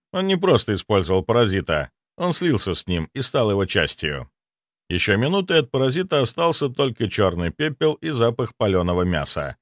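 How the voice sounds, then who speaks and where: A man narrating a first-person fantasy audiobook in an expressive, vivid storytelling manner. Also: fairly low pitch, no echo, studio quality.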